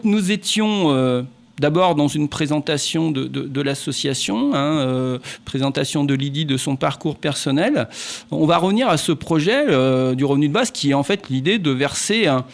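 A man's voice: fairly high pitch, gravelly. A man hosting a community radio talk show, talking hesitantly with many fillers and restarts. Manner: chuckles at his own anecdotes. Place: radio studio.

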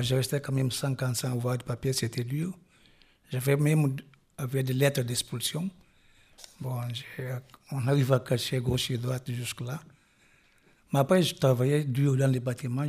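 Middle-aged guy, husky voice, halting, keeps restarting and trailing off. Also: medium pitch, darkish tone. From Guinea-Bissau. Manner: halting, restarts phrases, drops off at line ends. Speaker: interviewee, refugee musician. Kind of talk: casual interview talk.

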